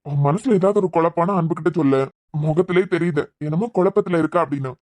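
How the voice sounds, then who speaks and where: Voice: mid-range voice, quick pace, darkish tone, no echo, natural voice. A voice artist playing an elderly grandfather in a cartoon serial who soothes the family and demands respect, with a Kanyakumari Tamil accent. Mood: soothing. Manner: soothing, then indignant about respect. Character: stern, calming old grandfather.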